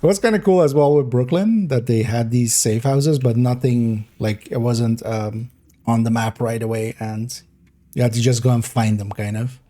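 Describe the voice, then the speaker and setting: A man gives loose, rambling commentary while he plays a game. His voice is mellow and soft-edged, and he giggles and restarts his sentences often. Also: mid-range voice, normal speed. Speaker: game streamer. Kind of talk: casual gameplay commentary.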